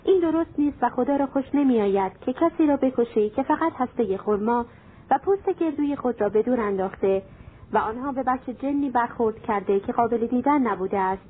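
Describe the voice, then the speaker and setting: A woman's voice: a little high, lively intonation, a little hiss or hum, close to an everyday voice. A woman doing a terrified pleading merchant. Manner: pleading, desperate. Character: frightened male merchant pleading for his life. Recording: tinny phone-like sound.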